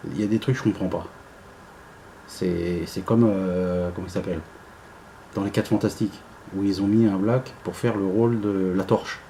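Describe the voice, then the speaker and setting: A man with a lowish, warm and dark voice talks his way through an unboxing in a loose, casual vlog style. He rambles and hesitates, trailing off into fillers. Faint noise sits behind his voice. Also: fairly even intonation, moderate pace, creaky, poor audio. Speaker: unboxing vlogger.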